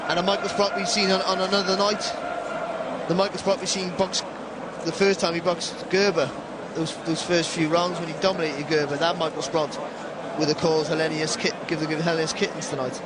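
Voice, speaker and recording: A man's voice: fairly high pitch, little pitch movement, brisk. A man giving analytical ringside boxing commentary, summing up the fight. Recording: loud background noise.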